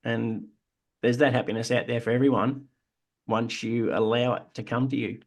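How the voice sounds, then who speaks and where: A man's voice: mid-range voice, fairly even intonation, moderate pace, gravelly. An Australian man, podcast co-host, telling his own story in an earnest, reflective way. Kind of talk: casual chat.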